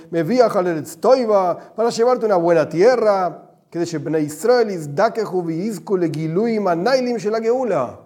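A man with an Argentine Spanish accent gives a religious class, animated and joking, with Hebrew terms mixed in. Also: high-pitched. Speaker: religious teacher. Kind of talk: lively class with everyday examples.

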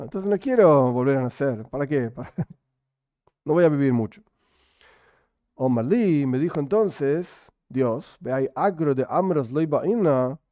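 A man teaching a Talmud study class. He reads the Aramaic slowly and then explains it casually. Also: fairly high pitch, mellow, no echo, studio quality.

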